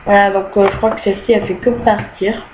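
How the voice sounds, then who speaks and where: A young woman with a flat, mid-range voice talks fast while casually walking through her rooms in an online game on a screen recording. She hesitates frequently and glitches annoy her easily; the audio comes from a dull, faintly hissing lo-fi home mic.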